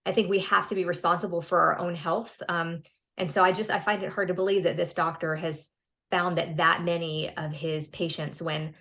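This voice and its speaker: A woman's voice: lowish voice, level tone, normal speed, sharp tone. Earnest upbeat woman in her fifties. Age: 50s. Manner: earnest, upbeat, restarts words often. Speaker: podcast guest. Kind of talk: casual interview conversation.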